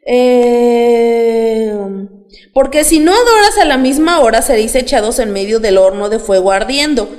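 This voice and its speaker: A woman's voice: fairly high pitch, lively intonation, unhurried, darkish tone. A woman voicing an angry, proud ancient king who demands obedience in a retold Bible story. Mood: commanding. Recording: long hall reverb.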